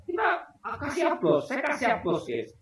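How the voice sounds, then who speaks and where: A man with a high voice talks straight to his viewers in a loose, emphatic commentary, throwing out rhetorical questions. He sounds distant from the mic, and the room rings with heavy echo. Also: huge pitch swings, normal speed, a bit bright. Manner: emphatic, rhetorical questions, keeps addressing the audience. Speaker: political commentator. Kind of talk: casual spoken commentary to viewers. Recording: very echoey room, voice far from the mic.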